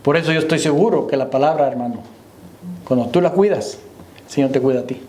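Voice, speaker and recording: A pastor preaches a sermon in church, his voice a little high, fast, and warm. He calls out to the brethren, repeating "hermano" and asking "¿me entiende?" to check they understand. The church hall sounds echoey.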